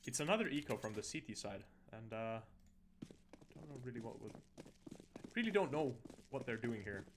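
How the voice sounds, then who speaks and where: A man giving casual, somewhat halting esports commentary over a video game match. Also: medium pitch, animated, background noise. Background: in-game audio bleeding through.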